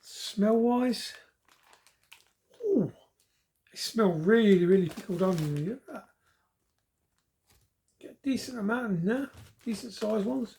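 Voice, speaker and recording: A woman's voice: mid-range voice, expressive, slow pace, long pauses, warm tone. A woman giving a casual, chatty food review, repeating words for emphasis. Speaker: snack reviewer.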